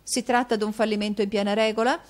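A woman reading an audiobook and voicing a jovial, brisk male bailiff in a breezy, mock-cheerful manner. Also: medium pitch, fairly even intonation, pitched above the performer's own voice, close to an everyday voice.

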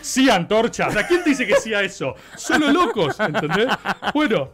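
Man, rioplatense accent, high lively voice, comic storytelling, laughing, slangy. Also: moderate pace, breathy edge. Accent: Rioplatense Spanish. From Argentina. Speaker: podcast host. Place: radio studio.

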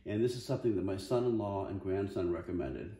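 Speaking fast in a low-pitched, mellow voice, a DIY kayak angler in his sixties walks through his homemade fishing gear with plenty of "uh" fillers. The folksy, plain-spoken how-to was recorded at home in an echoey, wood-floored room.

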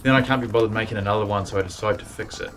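A man with a somewhat low voice narrates a metalworking project in a relaxed, dry-humoured way. He is recorded in a workshop, and clear noise is heard behind him. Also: rapid-fire. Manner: laid-back, dry humour. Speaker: welder and fabricator vlogger.

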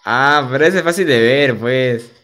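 A man's voice: mid-range voice, unhurried, fairly bright tone. A young man, streaming a game and chatting casually with viewers, loose and slangy with frequent laughs. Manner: loose, slangy, reads chat aloud and laughs often. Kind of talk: casual livestream chat while gaming. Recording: faint music behind.

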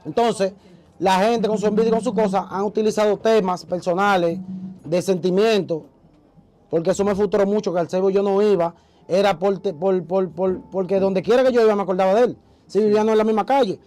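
A man, an interview guest telling a story in a casual, animated way and acting out the voices he quotes. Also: high voice, a little fast, rough recording.

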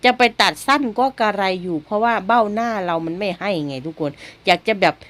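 A woman with an Isan Thai accent, a stay-at-home mother narrating her vlog as a casual voice-over, chatty and quick to laugh, often speaking straight to the viewers. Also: medium pitch, fairly bright tone. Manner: chatty, keeps addressing viewers directly; laughs easily between remarks.

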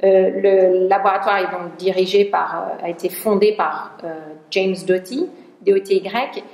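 A woman's voice: mid-range voice, moderate pace, creaky, darkish tone. A woman researcher giving a conference talk in a lecture hall. She often searches for words and restarts her sentences. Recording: roomy hall sound.

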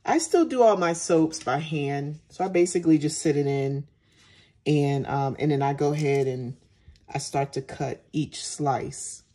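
A woman casually narrating a hands-on demonstration in a relaxed, unhurried way as she works. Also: sits low. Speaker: soap maker and host. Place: indoors at home, at a work table.

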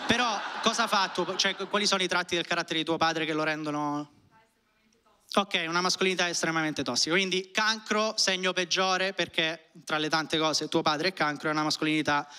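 High, very bright-voiced stand-up comedian, male. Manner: conversational, ironic, freely swearing. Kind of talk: stand-up comedy routine to a live audience. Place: comedy club stage with seated audience. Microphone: handheld microphone.

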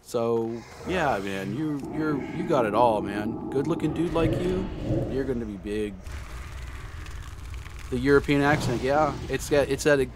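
A man's voice: medium pitch, animated, measured pace, noisy background. A man chatting casually with viewers during a live game stream, rambling with lots of fillers and restarts. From United States. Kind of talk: casual live-stream chat while gaming.

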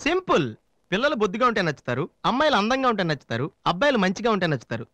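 A man's voice: high-pitched, wildly swooping pitch, bright, forceful tone, no echo, exaggerated voice. An actor playing a chatty young male sidekick who rattles off comic advice to his friend. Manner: rapid, rambling advice-giving. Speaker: film actor. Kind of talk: comic film dialogue.

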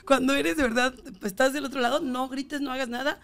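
A woman's voice: sits high, fairly even intonation, fairly quick. A Mexican woman hosting a podcast, chatting casually and teasing her guest playfully. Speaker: podcast host. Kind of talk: casual chat. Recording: faint background noise.

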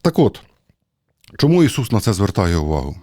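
Deep-voiced man giving a relaxed sermon. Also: a little fast, no echo, studio quality. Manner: conversational, hesitant with many fillers. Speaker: priest.

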